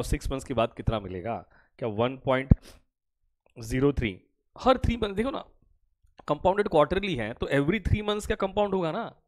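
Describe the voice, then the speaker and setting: A man teaching an online class. He has a cough and trouble speaking. He talks slowly on purpose, asks a question, answers it himself, repeats each point and calls his students "beta" like a fatherly teacher. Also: fairly high pitch. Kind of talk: online lecture.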